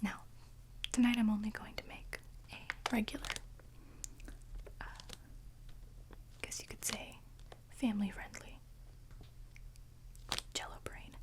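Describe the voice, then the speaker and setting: A woman hosting an ASMR video, chatting to viewers in a soft, breathy whisper with hesitant pauses between short phrases. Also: mid-range voice, flat delivery.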